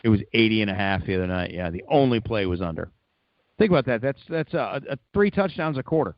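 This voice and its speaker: A man's voice: on the low side, lively intonation, fast, no echo. A man on a casual sports talk show, full of brash, profane banter, recorded with dull lo-fi sound.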